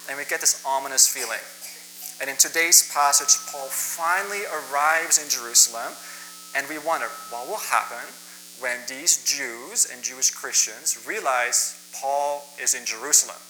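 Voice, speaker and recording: Speaking through a church microphone, this guest preacher, a college staff member, delivers an informal, plainspoken sermon that begins with an introduction of himself: he's a young native Dutch speaker who left the Netherlands for western Canada when he was ten. His voice is medium in pitch and sharp, at a moderate pace, and the rough recording carries a little hiss or hum.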